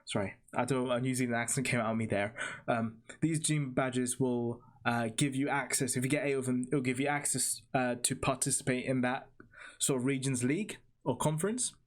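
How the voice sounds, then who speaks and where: A man's voice: medium pitch, moderate pace. A man co-hosting a casual podcast, explaining things at length with plenty of fillers. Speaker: podcast co-host.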